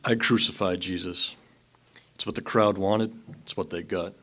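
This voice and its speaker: A young man playing a Roman soldier who crucified Jesus, speaking in a flat, matter-of-fact way. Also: sits low, normal speed. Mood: somber. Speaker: student actor.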